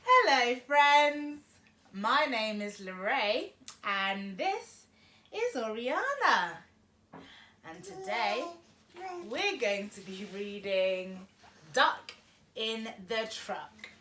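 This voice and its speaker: Reading aloud to young children, a woman uses an expressive, sing-song voice, taking her time and drawing out words. Her pitch rises and dips in a lively way. Slight background noise can be heard.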